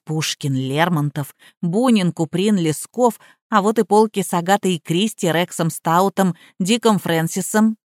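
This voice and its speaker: A woman's voice: on the low side, no echo, clean studio sound. Woman narrating a wry first-person story. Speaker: audiobook reader.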